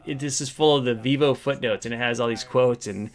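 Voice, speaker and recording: A man's voice: mid-range voice, a little fast. A middle-aged man telling a behind-the-scenes story to camera in a casual, enthusiastic, rambling way.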